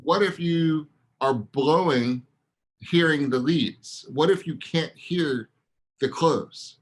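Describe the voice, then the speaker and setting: A man co-hosting a real estate coaching podcast, pressing listeners with punchy, rapid-fire rhetorical questions. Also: fairly high pitch, low-quality recording.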